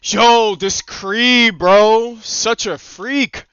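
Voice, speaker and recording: Young male game streamer, frat-bro slang and swearing, high bright voice, slightly lo-fi dry mic. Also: drawn-out words, clean tone, no echo. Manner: excitable, bursts into shouts. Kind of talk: casual gaming commentary. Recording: slightly dull lo-fi streaming audio.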